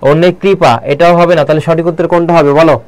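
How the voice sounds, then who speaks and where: Guy teaching a live online class, quick crisp voice, dry close sound, keeps firing questions at viewers. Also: a little high, flat delivery, a little mellow, dry recording. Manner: quizzing viewers with repeated questions; slows down to read poem lines aloud. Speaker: online admission-prep Bangla teacher.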